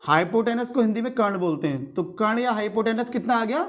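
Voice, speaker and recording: A man's voice: sits high, animated, a little fast, a bit bright. A male teacher giving a classroom lecture, quizzing his students in call-and-response and repeating key terms to stress them.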